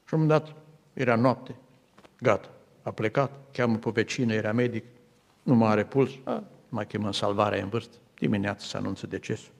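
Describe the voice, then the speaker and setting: A man's voice: lowish voice, fairly even intonation, gravelly. A man from Romania preaching a sermon to his congregation, telling stories and quoting others. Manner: storytelling with acted quotes, building to fervent appeals. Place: large church hall. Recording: reverberant church hall.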